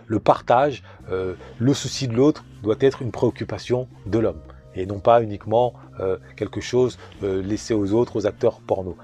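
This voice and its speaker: Un homme, coach en relations de couple, qui donne des conseils aux hommes d'un ton posé et didactique, en s'adressant directement à eux. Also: male voice, mid-range voice, dark tone, slightly rough. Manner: measured, didactic, addresses men directly. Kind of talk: advice monologue.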